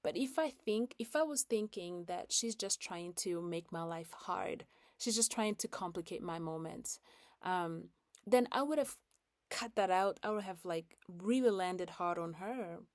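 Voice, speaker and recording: A woman's voice: fairly low pitch, unhurried, dry recording, studio quality. A woman in her thirties speaking casually about parenting, with many fillers and acted-out quotes. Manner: conversational with fillers, acts out quoted lines. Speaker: parenting educator. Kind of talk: casual talk.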